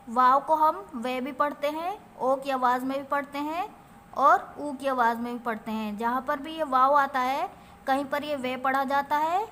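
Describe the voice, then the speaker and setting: A middle-aged woman teacher with a high, bright voice leads a patient spelling lesson. She spells out each word letter by letter and stretches every syllable. A faint hiss sits under her voice. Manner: slow, drawn-out syllable-by-syllable spelling.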